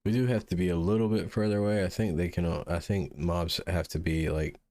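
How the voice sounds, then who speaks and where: A man hosting a gaming channel, musing through relaxed gameplay commentary and sounding sleepy. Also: deep voice, a little fast, no echo. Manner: mellow, musing, thinks aloud with restarts. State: sleepy, yawning.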